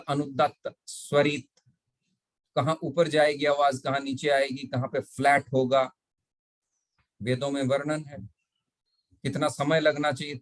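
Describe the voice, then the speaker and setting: Man teaching sanskrit basics, kinda high voice, super slow and patient, repeats every letter. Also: no echo. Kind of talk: slow online lesson mixing Hindi and English.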